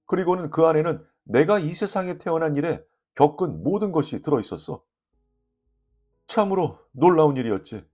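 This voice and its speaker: Expressive male audiobook narrator. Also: on the high side. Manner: lively, expressive reading with voiced dialogue. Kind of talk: storytelling audiobook reading.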